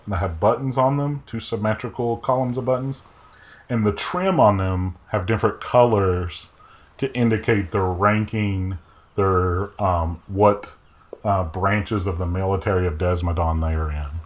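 A man with a fairly low voice narrates as the game master of a tabletop role-playing game, describing scenes in a measured manner.

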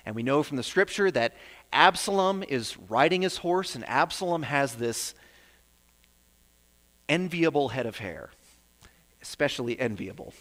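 A man's voice: expressive, measured pace, long pauses. Earnest male preacher in a reverberant hall. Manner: earnest, builds emphasis then drops to a soft low close. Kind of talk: sermon.

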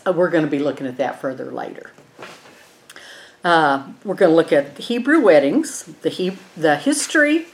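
A woman with a twangy West Texas accent teaching an informal Bible lesson in a folksy way, often checking in with the group. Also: on the low side. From eastern New Mexico and West Texas, USA.

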